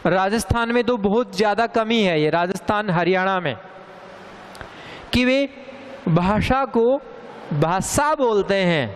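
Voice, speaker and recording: A man giving a pronunciation lesson at a slow, careful pace, repeating words to drive home the correct form. His voice sits fairly high and moves a lot. The sound carries a long reverb with faint background noise. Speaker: teacher. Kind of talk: Hindi grammar lesson.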